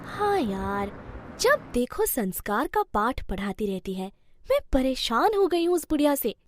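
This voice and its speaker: A woman's voice: unhurried, a little hiss or hum. A woman voicing a spoiled, defiant young wife in a cartoon story, whiny and snappish. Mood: complaining. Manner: whiny and snappish, lively pitch.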